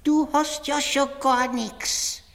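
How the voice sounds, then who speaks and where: A man's voice: very high-pitched, fairly even intonation, takes it slowly, gravelly, fairly bright tone, voice pushed up, heavily acted. A man as petty Viennese women bickering, echoing hall. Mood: needling, boastful. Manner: colloquial, needling. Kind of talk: theatrical literary reading of dialogue. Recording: reverberant hall, 1970 radio recording.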